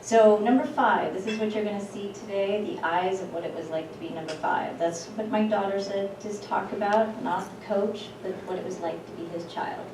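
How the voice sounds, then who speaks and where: A middle-aged woman speaking at a memorial with gentle, personal humor. She is heard from a distance in an echoey hall over background noise. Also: mid-range voice, fairly even intonation, moderate pace, few pauses. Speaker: eulogy speaker, daughter of the deceased. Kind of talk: memorial speech. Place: event hall. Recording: echoey hall from far off, noisy.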